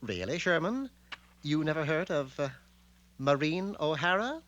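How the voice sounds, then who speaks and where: A man's voice: on the high side, lively intonation, a little slow, dull audio. A man voicing a learned, smug cartoon dog who narrates history tales in a dry, precise way. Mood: dryly amused. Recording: noisy vintage cartoon soundtrack.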